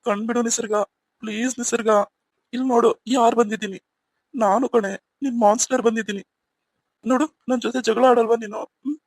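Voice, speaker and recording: A woman's voice: on the high side, fairly even intonation, a little fast, a little mellow, no room sound, low-quality recording. A woman voicing a young husband in a cartoon who anxiously pleads with his wife in the hospital. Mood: pleading. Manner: pleading, urgent. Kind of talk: cartoon voice acting.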